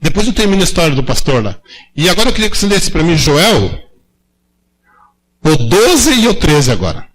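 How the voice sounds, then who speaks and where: A man's voice: fairly high pitch, normal speed, pauses often, low-quality recording. A man from preaching at a church prayer meeting, telling stories informally and acting out the voices of the people in them. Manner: animated, acts out quoted voices, asks the congregation questions. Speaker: lay preacher. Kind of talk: informal sermon storytelling.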